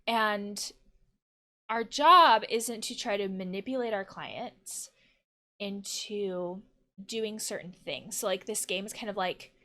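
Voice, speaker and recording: Speaking slowly in a mid-range voice, this woman sounds bright and forceful. She's a therapist doing casual let's play commentary on a video game, reflecting aloud as she goes.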